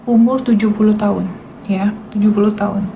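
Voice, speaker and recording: A woman's voice: mid-range voice, steady tone, moderate pace, gravelly, dark tone, slight background noise, low-quality recording. A woman, hosting a casual livestream and talking indignantly and directly to her viewers. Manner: indignant, talks straight to viewers. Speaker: livestream host.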